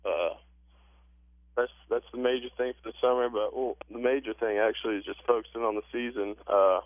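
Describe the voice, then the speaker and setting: A teenage male football player gives a casual, understated interview. His mid-pitched voice comes over a narrow telephone line, dry and halting. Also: steady tone, no echo. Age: teens. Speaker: high school football player being interviewed.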